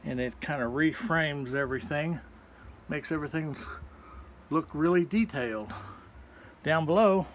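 An artist gives a casual walking tour of a small gallery, showing visitors the paintings one by one in a laid-back, folksy style. His voice runs a little high at a measured pace, broken by long pauses. The handheld phone recording carries a slight hiss or hum.

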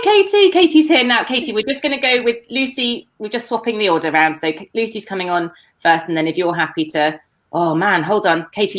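A woman's voice: fairly low pitch, a bit bright. Chatty woman hosting a video call. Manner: chatty, jokey, frequent fillers and laughs. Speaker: online festival host. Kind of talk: casual live-stream chat. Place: home kitchen. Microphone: laptop webcam video call.

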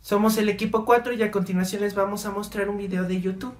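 A woman's voice: mid-range voice, fairly even intonation, fast. A woman with a Mexican Spanish accent acting out exaggerated comedy sketches, switching between mother and child roles.

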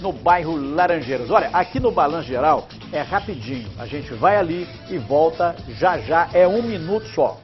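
A man's voice: on the high side, animated, moderate pace, few pauses, music in the background. Older man, TV host, emphatic studio commentary, lapel mic, slightly dull sound. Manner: emphatic, chatty, gestures while talking. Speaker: TV news presenter. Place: TV news studio.

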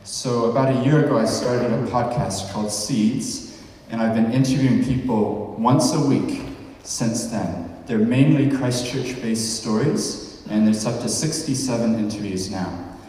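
Warm and measured, a medium-pitched male voice carries through a large, echoey hall: a podcast host from New Zealand in his forties, delivering a conversational talk and questioning his audience. His handheld mic is heard from far off.

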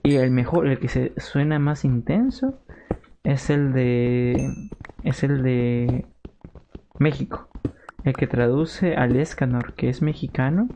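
A young Peruvian man with a Peruvian Spanish accent is live-streaming a game from a room at home, chatting casually with viewers by reading and answering their messages and breaking into jokey outbursts. His voice is medium-pitched and dark, and he takes it slowly. The recording is slightly dull and lo-fi, with faint noise.

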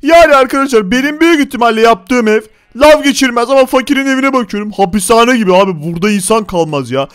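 A man's voice: very high-pitched, animated, fast, hardly any pauses, smooth. A man hosting a gaming channel, giving chatty, teasing Minecraft gameplay commentary to his viewers.

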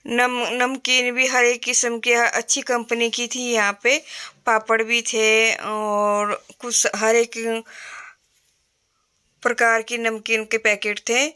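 Her fairly high voice comes out flat, slow, pushed and bright as she films a casual walkthrough vlog in an indoor retail store. The speaker is a middle-aged woman from Himachal Pradesh, India, chatting plainly with fillers on her phone.

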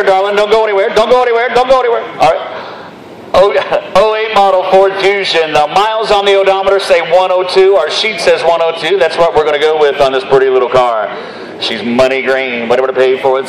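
A man in his fifties working as an auctioneer at a live car sale, chanting bids repetitively and addressing bidders between calls. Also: on the high side. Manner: rapid repetitive bid chant with drawled asides to the crowd. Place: large hall with high metal ceiling. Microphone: handheld microphone held at the lips. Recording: echoey PA sound with background noise.

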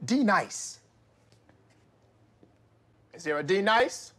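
A man playing a strict, combative middle-aged substitute teacher from an inner-city school in a comedy sketch, stern and husky as he barks at the class. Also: sits high, big pitch swings, extremely slow, fairly bright tone, exaggerated voice. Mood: menacing, exasperated. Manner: stern substitute teacher barking roll call.

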